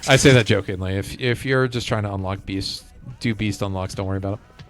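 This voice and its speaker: A man with a lowish voice talks briskly and casually while livestreaming a video game. Music plays behind him.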